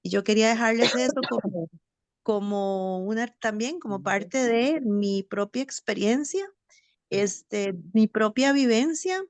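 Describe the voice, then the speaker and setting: A bereaved mother sharing her story over a video call in a support session, reflective and halting with many fillers. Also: fairly high pitch, no echo. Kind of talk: personal testimony. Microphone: video call, camera off.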